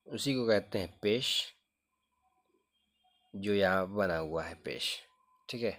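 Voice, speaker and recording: Male grammar teacher, low voice, patient and repetitive, walks students through terms with rhetorical checks. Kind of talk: classroom-style lesson.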